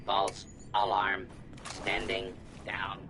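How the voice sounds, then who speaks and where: An actor voicing a stern male security robot through a robotic filter, giving clipped, commanding monotone announcements in a video game. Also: lowish voice, extremely slow, gravelly, background noise, heavily acted.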